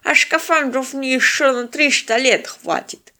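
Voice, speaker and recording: A woman reading an audiobook and voicing a scoffing, stubborn old hermit man, drawn out and higher than her own voice. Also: a little slow, bright, forceful tone, exaggerated voice. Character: cranky old hermit grandpa, mocking and stubborn.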